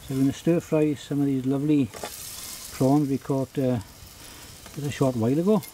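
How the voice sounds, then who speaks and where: Welsh man in his fifties, cooking-show host, dark mellow tone, faint outdoor noise behind. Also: mid-range voice, normal speed. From Wales. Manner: relaxed and chatty, frequent ums and uhs. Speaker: forager and outdoor cook. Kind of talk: cooking demonstration. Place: rocky beach outdoors.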